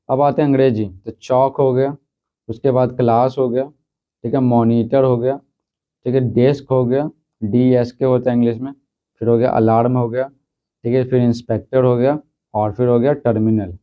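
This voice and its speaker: A man teaching a school lesson, reading textbook questions and answers, then repeating them slowly with frequent check-ins. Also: medium pitch, fairly even intonation. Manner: repeats answers, fills with "theek hai". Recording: slightly dull lo-fi recording.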